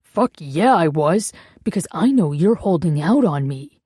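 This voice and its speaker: A woman reads a desperate drunk ex-husband in an audiobook. He snarls crude demands at a slow pace. The sound is dry and close. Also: on the low side, lively intonation, warm tone, slightly rough, no room sound. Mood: snarling.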